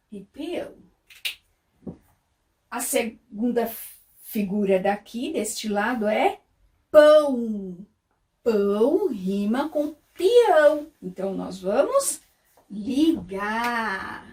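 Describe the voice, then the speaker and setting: A woman's voice: on the high side, a little mellow, recorded from a distance. A Brazilian woman teaching small children in a sing-song voice, stretching out words and asking questions that she answers herself. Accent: Brazilian Portuguese. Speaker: kindergarten teacher.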